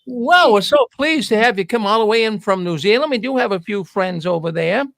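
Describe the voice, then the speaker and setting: An older man with a Boston accent hosts a talk show in a chatty, folksy way, his high, expressive voice fairly quick and bright with some vocal fry. He speaks into a broadcast mic on a boom arm in a studio lit by neon signs, and the sound has no echo.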